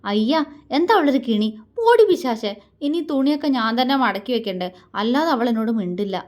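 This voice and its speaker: A fond young husband teases and coaxes his wife, his tone playful and loving, as a woman storyteller voices him. The delivery stays close and gentle. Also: on the high side, lively intonation, brisk, natural voice. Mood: teasing. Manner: playful, coaxing. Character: affectionate teasing young husband.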